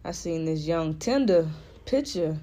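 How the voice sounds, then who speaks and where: A woman co-hosting a casual podcast, telling stories in a playful, expressive, drawn-out way. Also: low voice, slight background noise. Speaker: podcast co-host. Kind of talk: casual storytelling chat.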